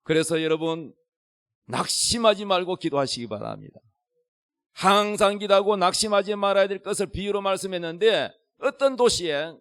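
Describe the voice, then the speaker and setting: A man's voice: sits high, fairly bright tone, clear, resonant tone, dry recording, studio quality. A middle-aged male pastor preaching a sermon, emphatic and repeating his key phrases with big rises and falls.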